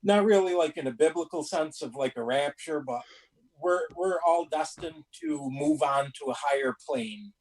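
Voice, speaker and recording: A man's voice: a little high, big pitch swings, normal speed, darkish tone, rough recording. A man chatting casually on a paranormal talk show in a folksy, colloquial, rambling way. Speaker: panelist on a paranormal live show. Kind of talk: casual chat.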